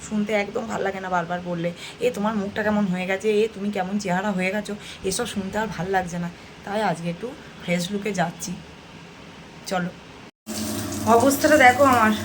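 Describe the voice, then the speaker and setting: A woman in her thirties with a West Bengal Bengali accent, chatting to her viewers in a home vlog and often repeating herself. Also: fairly high pitch. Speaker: home vlogger. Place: home kitchen. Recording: running tap noise in kitchen.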